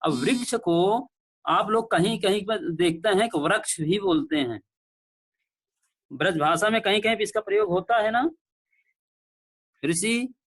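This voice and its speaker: Male lecturer on an online call, high voice, patient and repetitive, checks that students can hear. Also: fairly bright tone, slightly rough. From India. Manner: explains slowly with repeated examples. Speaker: teacher. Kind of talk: online class lecture on pronunciation.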